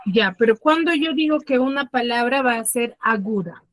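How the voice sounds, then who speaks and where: High-voiced woman teacher, dry sound. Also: expressive, fairly bright tone, no room sound. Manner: questioning, slows and stresses key words. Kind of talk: online class lesson. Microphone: computer mic on a video call.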